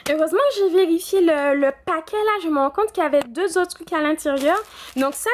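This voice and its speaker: A woman's voice: high voice, a little hiss or hum. A young woman vlogging casually from home, chatty, with many fillers and restarts. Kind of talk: casual vlog chat. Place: at home indoors.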